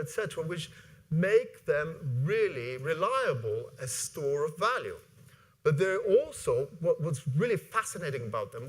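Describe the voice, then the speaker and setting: A man in his forties from Iceland, giving an animated conference talk from a stage, with many fillers and restarts. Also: a little high, slightly rough. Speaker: conference speaker. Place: large conference hall with audience. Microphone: lapel mic.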